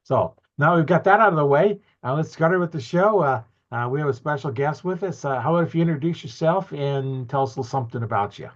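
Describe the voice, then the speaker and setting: A man's voice: a little high, fast, hardly any pauses, highs cut off. A man hosting a podcast interview over a video call, talking in a folksy, rambling way with fillers. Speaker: podcast host.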